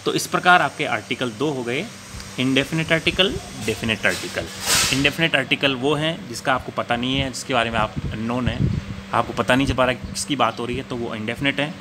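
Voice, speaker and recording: A man's voice: mid-range voice, fairly quick, background noise. A man teaching an English grammar lesson, asking the class questions and answering them himself while he repeats the key points.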